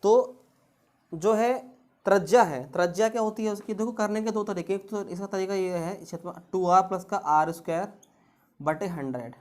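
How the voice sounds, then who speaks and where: Woman doing exam math problems, keeps asking rhetorical questions, normal pitch voice. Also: moderate pace, darkish tone. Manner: talks through each step with constant rhetorical questions. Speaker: math tutor. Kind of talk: exam-prep math lesson.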